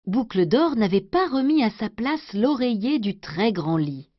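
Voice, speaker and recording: A woman storyteller doing an expressive scripted storybook narration. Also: fairly high pitch, unhurried, no room sound. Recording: dry, dull lo-fi recording.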